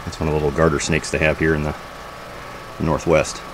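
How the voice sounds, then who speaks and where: Recorded outside in a backyard garden with clear background noise, a homesteading vlog host with an exceptionally deep, level voice talks fairly quickly. He walks along casually, pointing things out in an off-the-cuff way.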